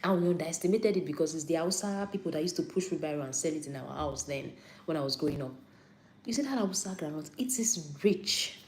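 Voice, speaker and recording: A Nigerian woman with a low, slightly mellow voice hosts a casual health talk on a live stream, speaking at a quick pace over slight background noise. She's chatty, repeats points for emphasis, and answers viewer comments.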